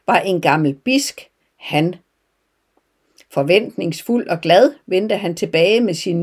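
Woman giving a devotional talk. Calm, measured storytelling sermon. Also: fairly low pitch, slightly rough. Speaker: devotional speaker.

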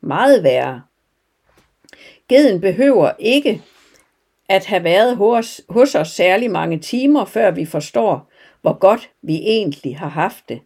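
A woman telling a parable and then reflecting on it in a calm, measured devotional talk. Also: mid-range voice, husky. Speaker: devotional speaker. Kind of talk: storytelling sermon.

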